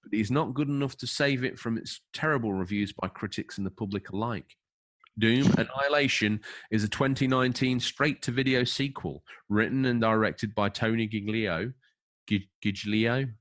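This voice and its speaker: A man's voice: medium pitch, moderate pace, fairly bright tone. A man co-hosting a casual podcast, reading out a film overview with jokey, emphatic asides. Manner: jokey, emphatic, stumbles over names. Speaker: podcast co-host.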